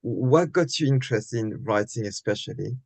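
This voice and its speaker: A man's voice: on the low side, expressive, brisk, vocal fry, darkish tone, no echo. A man hosting a live online interview, welcoming and introducing his guest in a polite, formal way. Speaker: host.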